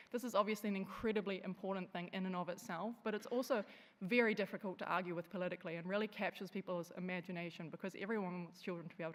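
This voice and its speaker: Woman presenter, steady summary delivery, reverberant hall sound. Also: mid-range voice. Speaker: conference speaker. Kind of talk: conference presentation.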